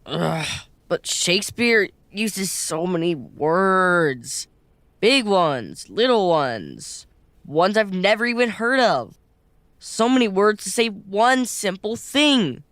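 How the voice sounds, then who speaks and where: A wisecracking teenage schoolboy who whines and jokes with a lively, bouncing pitch. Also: slow, no room sound, studio quality, full character voice. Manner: whiny and joking.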